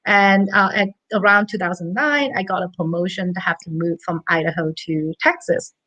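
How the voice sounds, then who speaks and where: A woman's voice: on the low side, normal speed, sharp tone, poor audio. A woman in her thirties from Hong Kong, a money coach telling her story as an interview guest in an earnest, chatty way. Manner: earnest, chatty, with light laughs.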